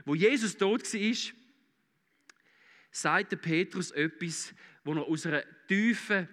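A man in his thirties with a Swiss German accent, preaching a sermon and telling the story with lively acted-out voices. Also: high voice, big-room sound. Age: 30s. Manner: animated storytelling, acting out voices.

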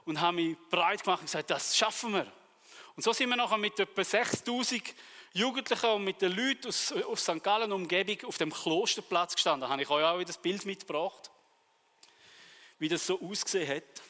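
A man with a Swiss German accent preaching a sermon, telling personal stories and acting out the dialogue in a lively way. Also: high-pitched, fairly quick, big-room sound.

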